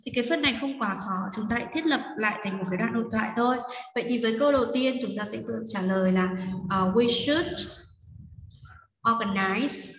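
Woman English teacher, slow careful reading of examples, distant mic with long reverb. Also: a little high, fairly bright tone. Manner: explains in Vietnamese, reads English slowly. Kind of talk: classroom lesson narration. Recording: echoey roomy, distant from mic.

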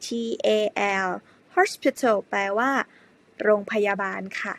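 A woman teaching an English grammar lesson to primary pupils, speaking slowly and spelling words out letter by letter. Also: on the high side, lively intonation. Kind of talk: slow spelled-out classroom lesson.

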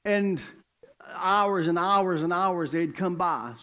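A man's voice: high-pitched, takes it slowly, bright, forceful tone. A male evangelist preaching a sermon in a church, telling a story with emphatic, repeated phrases.

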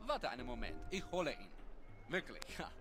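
A man's voice: mid-range voice, very animated, a little fast, a bit bright. A man playing a sly, fawning old carnival gambler in a video game, with game music behind. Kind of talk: game dialogue.

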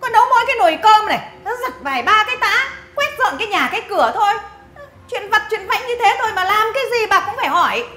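A woman's voice: very high-pitched, sing-song, quick pace, bright, forceful tone, echoey room, exaggerated voice. An actress playing a scornful, bossy mother-in-law who scolds and mocks with sneering laughs. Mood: scornful scolding. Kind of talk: family drama acting.

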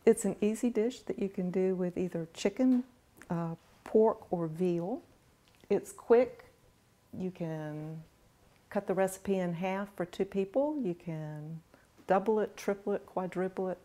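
A middle-aged woman, a home cook being interviewed in a large home kitchen, talking in a relaxed, plain-spoken way with dry humor. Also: mid-range voice, a little slow. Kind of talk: casual interview.

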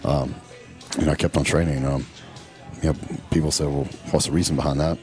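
A middle-aged man, casually narrating in a laid-back, drawn-out way full of fillers. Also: a bass voice, steady tone, darkish tone, soft background music. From Texas. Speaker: professional bodybuilder.

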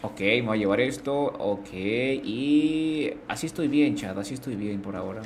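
A man's voice: lowish voice, normal speed, slight background noise. A man streaming a game live, chatting casually. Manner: chatty, greets chat, slangy.

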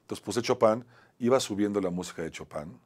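A man with a Mexican accent, an acting teacher who tells a personal story on a talk show. He often ends phrases with a tag question and moves between a strong voice and a soft one. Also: on the low side, a little fast. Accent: Mexican Spanish.

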